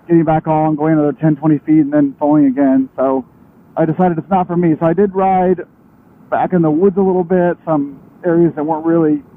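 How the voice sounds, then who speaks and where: A young man chatting casually and in a rambling way while riding a motorcycle, his voice muffled inside a helmet. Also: fairly high pitch. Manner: rambling, conversational, self-interrupting. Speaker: motorcycle vlogger. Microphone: helmet microphone. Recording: thin radio-like sound inside a helmet.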